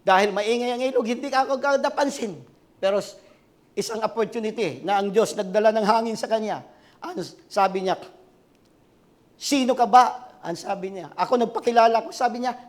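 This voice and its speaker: A man in his sixties preaching a sermon as pastor, swinging from shouted climaxes to quiet asides and asking the congregation for responses. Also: high voice. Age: 60s.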